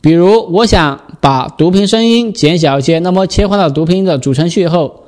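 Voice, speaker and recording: Higher-voiced man giving software instructions. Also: moderate pace. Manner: explanatory, repeats key steps patiently. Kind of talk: step-by-step spoken software tutorial.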